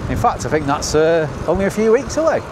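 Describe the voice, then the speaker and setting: Outdoor noise sits clearly behind a middle-aged northern English man with a fairly high-pitched voice. He chats casually as he rides, upbeat and full of exclamations, like a travel show host out on a bike. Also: sing-song, fast. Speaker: cycling vlogger. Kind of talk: casual ride-along commentary to camera. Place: outdoors on a bicycle. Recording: noisy outdoor recording, wind and traffic.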